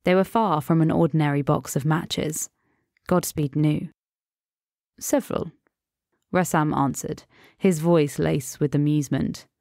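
A woman reads an audiobook in a measured, atmospheric way. Her voice is low and gravelly with some fry. It is recorded close and completely dry. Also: fairly even intonation, dark tone, no echo. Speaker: audiobook narrator. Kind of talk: scripted narration.

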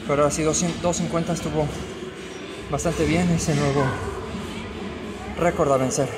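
A man's voice: a little high, steady tone, normal speed. A man in his thirties talking casually like a gym bro, explaining his workout in a vlog filmed on a phone in a gym. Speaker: fitness vlogger. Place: indoors in a large gym. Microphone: handheld phone at arm's length. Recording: clear gym background noise. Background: gym ambience noise.

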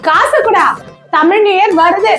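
A scolding cartoon mum, played by a woman, barks orders in an extremely high, piercing voice. Her talk is bossy and commanding, with faint music underneath. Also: unhurried. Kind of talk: cartoon comedy dubbing.

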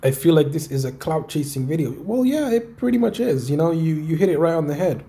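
Reading out and answering viewer comments, a man talks casually as a video creator, rambling, repeating himself and swearing often. He sounds on the high side, expressive and a little fast, with a dark tone.

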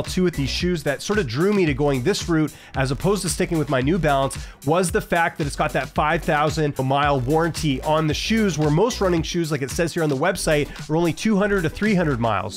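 Chatty man reviewing shoes on studio mic. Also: fairly high pitch. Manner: chatty, frequent ums and uhs, shows items to camera. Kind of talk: casual product review. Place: home studio room with posters. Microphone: large studio mic on boom arm.

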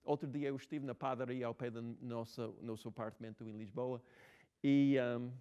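A man's voice: medium pitch, steady tone, normal speed, warm tone, smooth. A man in his sixties with an American English accent, speaking Portuguese as a second language, telling stories in an interview with many restarts and fillers. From United States. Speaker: writer being interviewed. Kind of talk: casual interview talk.

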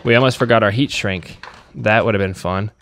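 A channel host runs a hands-on repair tutorial in his workshop, chatting casually as he works with his hands. His voice is fairly low, a bit bright, and a little fast.

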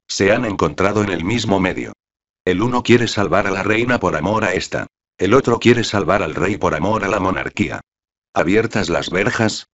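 A man reads a novel aloud in a steady, measured way. His voice is very low and deep. The recording is dull and lo-fi, without much sparkle. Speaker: audiobook narrator. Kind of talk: scripted narration.

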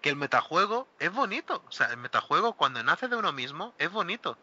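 A man hosting a casual hobby talk show, animated and exclaiming, often acting out what other players say. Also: fairly high pitch, brisk. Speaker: host of a miniature wargaming talk show. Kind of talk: casual panel chat. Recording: dull lo-fi recording.

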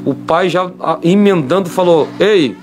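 A man's voice: a little high, moderate pace. Man preaching a dramatic story over music. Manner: dramatic, repeating refrains. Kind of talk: sermon storytelling.

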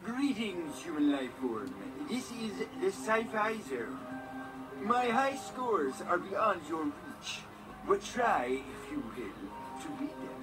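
A haughty robot-voiced alien, voiced by a game actor, talks down to "human life forms" in a formal, theatrical way, its pitch swooping widely. The robotic filter makes it sound synthetic. It sits back from the mic under loud game music. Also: very animated, slow pace, recorded from a distance, low-quality recording. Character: aloof robotic alien greeter of a game's sci-fi zone. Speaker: game character.

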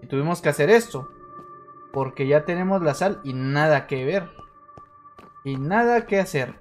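Jumpy, excitable man playing a horror game. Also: fairly high pitch, normal speed, faint music behind. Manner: jumpy, excitable, yells and laughs when scared. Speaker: gaming streamer. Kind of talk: let's-play commentary.

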